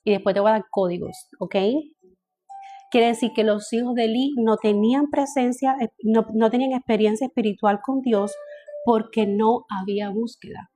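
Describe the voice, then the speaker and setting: A woman's voice: fairly high pitch, steady tone, normal speed, dark tone, soft background music. Spanish-speaking woman teaching a Bible study. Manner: repeats phrases and checks in with listeners.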